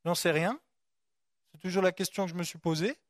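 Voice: medium pitch, fairly quick, no echo, studio quality. A preacher reading and explaining a Bible story, talking casually, with frequent asides, and asking listeners to picture the scene. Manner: lively, conversational, asks listeners to imagine, many asides.

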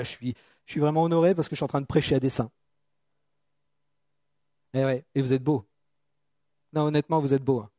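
A man's voice: sits high, warm tone, no room sound, clean studio sound. Joking, conversational male preacher from France. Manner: conversational and joking, with many restarts. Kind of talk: sermon.

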